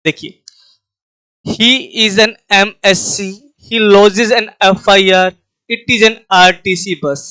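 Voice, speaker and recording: High, clear-voiced Indian man teaching. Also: fairly bright tone, dry recording, low-quality recording. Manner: asks himself questions and answers them, repeats key points; spells words out letter by letter, slowly. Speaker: English teacher. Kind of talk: classroom-style grammar lesson.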